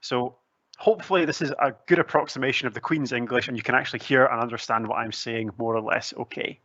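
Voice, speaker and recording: A man's voice: mid-range voice, bright, forceful tone, dry recording, lo-fi sound. A young man with a broad Scottish accent giving a chatty, articulate, lightly humorous presentation into a headset. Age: young adult. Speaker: student recruitment officer giving a presentation. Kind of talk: conversational pre-recorded presentation. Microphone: headset, seen on webcam.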